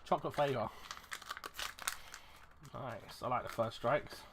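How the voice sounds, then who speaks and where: A plain mid-range male voice moves at a measured pace against a noisy background. The ration-pack-reviewing YouTuber chats casually and unscripted in his vlog, rambling, joking at his own expense and restarting frequently as he thinks aloud.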